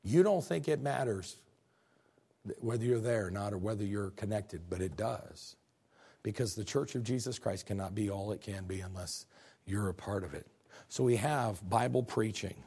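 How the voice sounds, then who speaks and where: A middle-aged pastor preaching a folksy, animated sermon, repeating phrases and talking directly to his congregation. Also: fairly low pitch, moderate pace, slightly rough.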